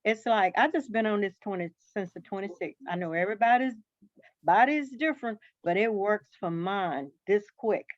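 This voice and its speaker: A woman on a video call telling her story in an emphatic, animated way. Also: mid-range voice, moderate pace, dry recording. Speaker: new team member. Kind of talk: casual testimonial on a video call. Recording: dull video call audio.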